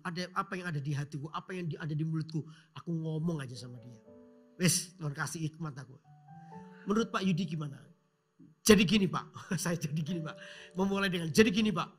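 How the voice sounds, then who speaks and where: A male pastor, preaching a sermon by telling a story, dropping to whispers and then rising to loud calls. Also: fairly high pitch. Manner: storytelling with sudden shouts and hushed whispers. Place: church.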